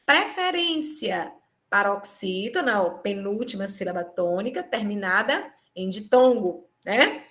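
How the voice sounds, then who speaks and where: A woman's voice: mid-range voice, animated, unhurried, few pauses, fairly bright tone. A woman with a Brazilian Portuguese accent teaching a live online exam-prep class, explaining step by step and checking in with tag questions, on a computer microphone. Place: home or office, live video conference. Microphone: computer microphone on video call.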